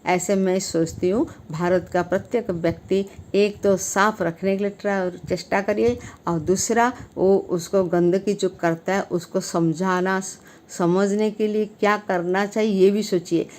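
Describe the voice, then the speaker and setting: A woman hosting her channel, giving an earnest talk to camera on civic duty. She speaks emphatically, with frequent rises in pitch and loudness, and hesitates with fillers and restarts between phrases. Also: steady tone, a little slow, slight background noise.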